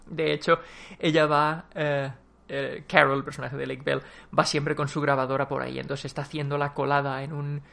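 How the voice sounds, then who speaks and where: A man from talks through a film in a loose, rambling way, full of fillers and restarts. His voice sits a bit high and has a gravelly, creaky edge. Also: flat delivery, normal speed, fairly bright tone. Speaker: film reviewer. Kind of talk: casual spoken film review.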